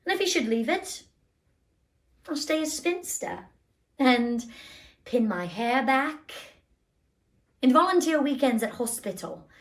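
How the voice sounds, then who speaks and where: A woman's voice: high-pitched, very animated, takes it slowly, long pauses, pitched above the performer's own voice, full character voice. Woman doing a proud precocious English girl. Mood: haughty. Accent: put-on British. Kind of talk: audition self-tape monologue.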